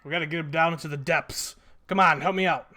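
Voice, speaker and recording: A man voicing a gruff, demanding older hobgoblin in a tabletop fantasy game. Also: a little high, fairly even intonation, fast talker. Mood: indignant. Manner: loud, urgent, demanding. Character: gruff, pushy older male hobgoblin hustler.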